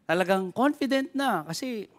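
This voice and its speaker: High-voiced Filipino pastor preaching. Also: male voice, moderate pace. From Philippines. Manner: energetic preaching with repeated call-outs to the congregation; switches between Tagalog and English mid-sentence. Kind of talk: sermon. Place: church.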